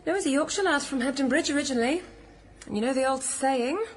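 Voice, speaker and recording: Speaking quickly in a high, natural voice, an actress portrays a bookish woman who is touchy and flippant, calling on an old friend in a naturalistic radio play. Her tone stays wry and guarded.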